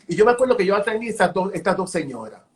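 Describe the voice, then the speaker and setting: A man, a hairdresser, telling animated stories in an interview, acting out dialogue and repeating himself as he goes. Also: sits high, racing. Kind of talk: storytelling interview chat.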